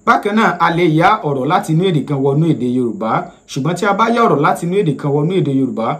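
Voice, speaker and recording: A young man with a Nigerian Yoruba accent, a native Yoruba speaker, giving a deliberate, explanatory language lesson as an instructor. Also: on the high side, big pitch swings, fairly bright tone. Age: young adult. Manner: deliberate, explanatory, repeats each point. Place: small indoor room, seated.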